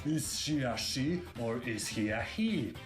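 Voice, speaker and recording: A man's voice: mid-range voice, lively intonation, measured pace. Male computer TTS robot narrator, roomy clip, guitar underneath, clipped listing read. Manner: reads chapter and page numbers in a clipped, listing way. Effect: synthetic text-to-speech robot voice. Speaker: narrator of a played video essay. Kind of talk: flat list-style critique narration.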